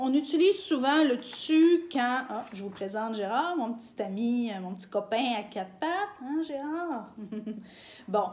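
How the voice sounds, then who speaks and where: A woman's voice: fairly high pitch, a little mellow. A woman from Quebec with a Québécois accent, giving a casual video lesson on her channel, chatty with many fillers and easy laughs. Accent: Québécois French. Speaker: language teacher on her channel.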